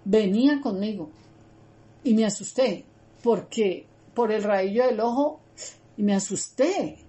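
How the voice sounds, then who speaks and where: A woman's voice: medium pitch, unhurried, mellow. A woman teaching a Bible study in an earnest, conversational way, repeating her words and speaking straight to her listeners. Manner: earnest, repetitive, addresses listeners directly.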